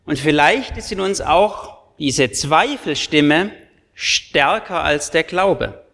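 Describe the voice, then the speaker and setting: Slow-speaking male pastor in reverberant church. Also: a little high, animated, gravelly, sharp tone. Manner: earnest, emphatic, addresses listeners directly. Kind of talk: sermon to confirmands.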